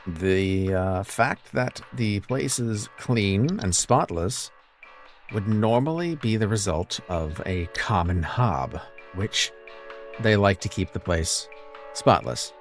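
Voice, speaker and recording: A man with a low voice gives casual gameplay commentary. He thinks aloud in an offhand way, with lively swings in intonation and faint music behind him. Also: slow. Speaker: video game player and commentator.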